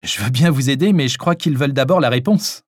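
A man's voice: medium pitch, brisk, no room sound, clean studio sound, close to an everyday voice. A man reading an audiobook, voicing a friendly, upbeat young photographer.

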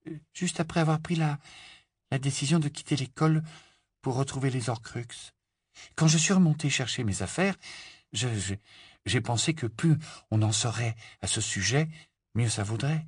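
A man's voice: a little high, lively intonation, normal speed, no room sound, clean studio sound, voice pushed up. A man voicing an anxious, studious teenage girl witch who stammers and pleads. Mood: flustered.

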